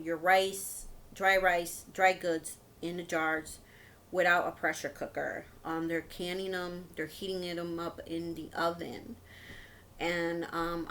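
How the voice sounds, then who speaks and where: A woman in her fifties hosts a home and shopping video channel, chatting to viewers in a rambling, hesitant, informal way. Her voice is lowish, with a little hiss or hum in the audio.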